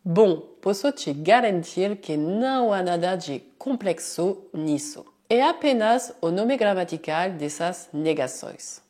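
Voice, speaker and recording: A woman teaching a language lesson, explaining clearly step by step and slowing down to say example sentences. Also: lowish voice, lively intonation, darkish tone. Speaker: French teacher.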